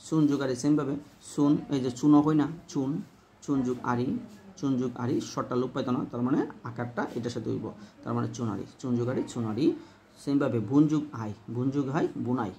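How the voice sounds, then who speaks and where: A man's voice: mid-range voice, dark tone. A man teaching a grammar lesson, repeating examples and quizzing the class before answering himself. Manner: repetitive, quizzing questions then answering himself. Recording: faint background noise.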